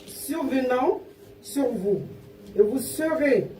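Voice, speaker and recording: Halting woman reading scripture in an echoing room. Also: high-pitched, expressive, mellow. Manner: halting, stumbles and corrects herself. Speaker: scripture reader. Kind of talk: reading Bible verses aloud. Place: church service over a sound system. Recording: roomy, distant pickup with faint noise.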